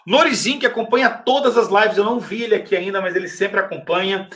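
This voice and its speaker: A man with a Brazilian Portuguese accent teaching English in a relaxed live Q&A, answering viewers' questions and saying example phrases slowly and carefully. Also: high voice. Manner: casual, chatty, reads viewer questions aloud. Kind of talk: live-stream Q&A lesson.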